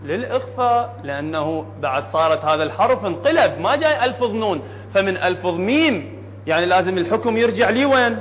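A man's voice: sits high, animated, fast. A man with an Iraqi accent teaching a Quran recitation lesson to an audience in a hall, often quizzing them with questions. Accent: Iraqi Arabic. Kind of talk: classroom tajweed lesson. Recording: dull, echoey hall recording with faint hum.

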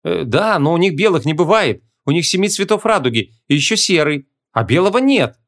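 A man's voice: fairly high pitch, big pitch swings, brisk, fairly bright tone, voice pushed up. A man voicing a young princess who talks in a polite, coaxing way. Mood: explaining.

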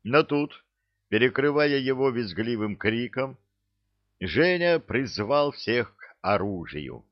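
A man reading an audiobook aloud in an unhurried, expressive way with a wry tone. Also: mid-range voice, dry recording, dull audio. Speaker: audiobook narrator. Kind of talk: scripted narration.

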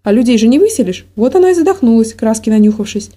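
A worried middle-aged village policeman speaks in blunt, plain phrases, voiced by a woman reading a story aloud. His tone is heavy and gloomy. The voice is deep-toned and very mellow. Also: lively intonation, quick pace. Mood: grim.

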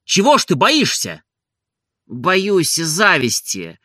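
Give me a man playing an excitable, tearful nobleman, slow and raised in pitch. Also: no echo, studio quality, heavily acted. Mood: melancholy. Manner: gushing, pleading, breaking into tears and joy.

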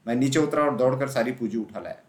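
A man narrating a classic children's story aloud in a steady storytelling manner. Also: medium pitch, quick pace. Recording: roomy echo.

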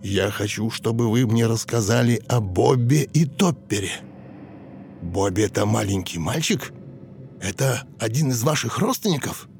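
Мужчина читает спокойного доктора-гипнотизёра. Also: male voice, medium pitch, lively intonation, darkish tone, soft background music, natural voice. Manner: patient, measured questioning. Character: calm middle-aged male doctor questioning a patient. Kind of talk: audiobook reading.

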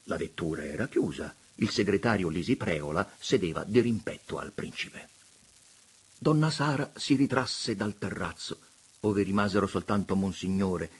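A man reading a classic novel aloud as narrator, in a theatrical, measured, expressive manner. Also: low-pitched, slightly rough. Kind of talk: audiobook reading of a literary novel.

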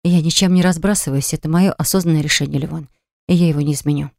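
A woman's voice: low-pitched, fairly even intonation, fast, gravelly, darkish tone, dry recording, clean studio sound. A woman voicing a stern young mother who answers curtly and coldly in an audiobook. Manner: curt, stern, clipped. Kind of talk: audiobook dialogue.

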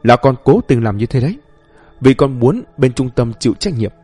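A man's voice: mid-range voice, animated, normal speed, warm tone, breathy edge, no echo, soft background music. A man voicing a vengeful young female ghost who speaks in a bitter, accusing way.

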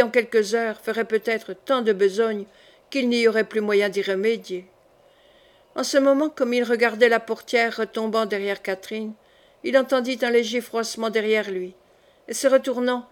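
Female audiobook reader, measured and steady, slightly high voice. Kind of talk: classic novel read aloud.

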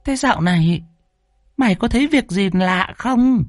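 A man's voice: mid-range voice, animated, normal speed, vocal fry, darkish tone, breathy edge, dry recording, clean studio sound, soft background music, pitched above the performer's own voice. A man voicing an anxious middle-aged village mother in a horror story. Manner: anxious, pleading.

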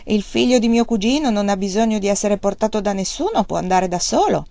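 A woman's voice: mid-range voice, animated, a little fast, gravelly, warm tone, dry recording. A woman reading aloud, voicing a brash, insolent young man who sneers. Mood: sneering.

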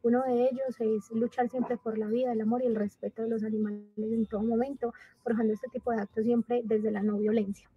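A 24-year-old woman from Colombia giving an earnest, slow video testimonial. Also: a little high, level tone, slightly rough, no room sound, lo-fi sound.

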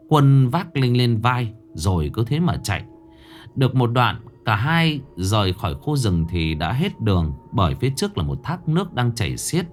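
A man narrating a horror story in a dramatic, expressive scripted style. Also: medium pitch.

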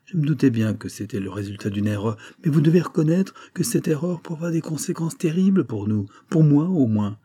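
A man's voice: fairly high pitch, lively intonation, brisk, hardly any pauses, dark tone, husky, dry recording, studio quality, pitched above the performer's own voice. A man voicing a guilt-torn married woman pleading with her young lover, in an impassioned, tremulous way. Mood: anguished pleading.

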